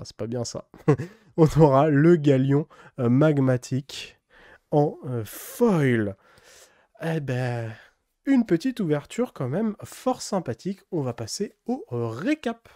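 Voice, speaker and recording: A man speaks in an unhurried, mellow voice as he opens card packs for his channel. He drops in plenty of fillers and carefully sounds out card names, all captured dry and close on the mic. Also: mid-range voice, no room sound. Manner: relaxed, many fillers, reads card names slowly in a put-on English accent. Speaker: card-opening video host. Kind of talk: casual unboxing commentary.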